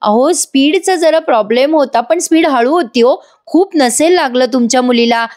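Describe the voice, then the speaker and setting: A woman's voice: sits high, moderate pace, a little mellow, pitched above the performer's own voice, natural voice. Woman doing a polite, pleading young man. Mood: placating.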